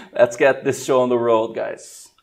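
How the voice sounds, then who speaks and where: In a live online class, a Brazilian-accented man coaches students for an English exam, upbeat and coaxing, moving often between Portuguese and English. His mid-range voice is slow, creaky and a little mellow, with little pitch movement.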